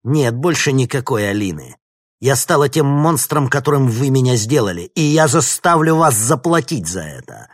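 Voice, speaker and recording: A man's voice: lowish voice, sing-song, moderate pace, husky, no room sound, studio quality, exaggerated voice. A male narrator voicing a bitter, vengeful young woman villain with a sneering, spiteful manner. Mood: furious.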